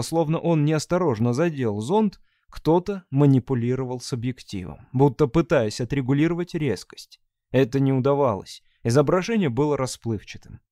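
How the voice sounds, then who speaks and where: A man narrating an audiobook in a steady, even storytelling manner. His voice sits slightly high for a man, in a dry, close recording. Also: no room sound. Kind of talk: scripted narration.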